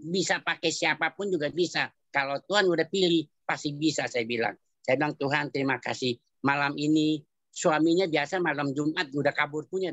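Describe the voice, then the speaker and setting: A man giving a church testimony, telling his story in colloquial, animated style and repeating phrases for emphasis. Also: a little high, no room sound, dull audio. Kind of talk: testimony at a prayer meeting.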